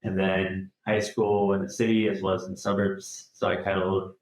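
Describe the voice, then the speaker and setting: A man in his thirties who grew up in France, chatting as a podcast guest in a relaxed, rambling way. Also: low voice, brisk. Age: 30s. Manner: relaxed, rambling with many restarts. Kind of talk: casual interview chat. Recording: very echoey room.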